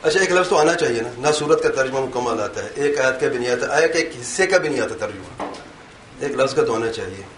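Lively man quizzing an audience, echoey hall. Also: medium pitch. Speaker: Islamic lecturer. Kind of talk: interactive religious talk. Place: lecture hall with a live audience. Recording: echoey hall with faint room noise.

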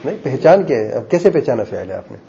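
A man's voice: medium pitch, sing-song, creaky, dark tone. A male grammar teacher giving a classroom lesson, patiently quizzing students and explaining rules step by step, on a dull lo-fi recording. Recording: dull lo-fi recording with faint noise.

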